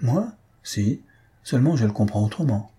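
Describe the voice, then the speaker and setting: A man's voice: medium pitch, big pitch swings, normal speed, dark tone, breathy edge. A man voicing a blunt, eccentric friend who says odd things matter-of-factly. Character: blunt eccentric male friend, dry joker.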